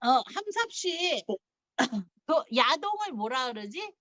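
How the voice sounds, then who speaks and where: A middle-aged woman leads a casual language lesson, walking through each point and laughing often. Her voice sits high and bright, and her pitch swings widely. The recording is close and dry. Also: big pitch swings, slow, no room sound. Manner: chatty, laughs often, explains step by step. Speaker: language teacher.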